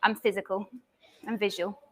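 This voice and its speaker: A woman's voice: medium pitch, little pitch movement, moderate pace. A woman artist introducing herself at a live panel talk in a chatty, lightly self-deprecating way. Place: live talk event before an audience.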